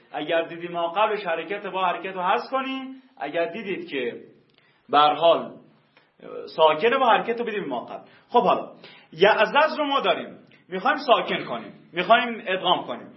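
A male teacher explaining grammar rules, slowly drawing out his example words. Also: sits high, big pitch swings. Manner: slow drawn-out spelling of example words. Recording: roomy muffled lo-fi recording.

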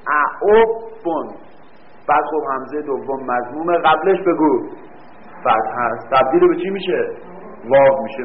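A man teaches a classroom grammar lesson, slowly drawing out example words and asking his students questions. His voice sits a little high. The recording is thin and tinny, like a phone line. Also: slight background noise. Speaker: teacher of Arabic morphology.

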